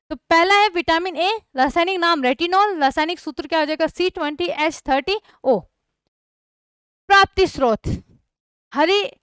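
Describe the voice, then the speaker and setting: A woman's voice: very high voice, fairly bright tone, no room sound, clean studio sound. A young woman teaching a chemistry class online, asking her students questions and checking that they follow. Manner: repeats questions to students, checks understanding often.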